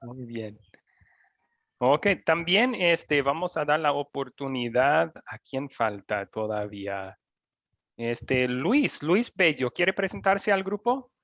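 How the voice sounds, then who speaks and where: Male teacher hosting a call, unhurried, dry muffled sound. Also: fairly high pitch, lively intonation, fairly bright tone, dry recording. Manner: friendly, calls on students by name. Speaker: teacher and class host. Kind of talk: online class moderation.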